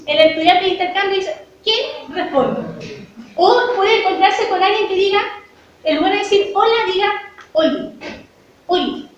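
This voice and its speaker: A Chilean woman with a very high, bright-toned voice lectures in a university hall, talking students through her points and answering her own rhetorical questions. She is picked up from far off, so her voice comes through roomy and echoing. The sound is dull and lo-fi, with a faint hiss underneath. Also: moderate pace. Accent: Chilean Spanish. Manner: explanatory, poses rhetorical questions and answers them.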